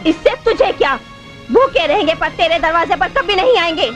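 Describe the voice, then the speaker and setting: A woman's voice: extremely high pitch, lively intonation, normal speed, fairly bright tone, faint music behind. An actress playing a devoted young woman who pleads tearfully and defiantly in film dialogue.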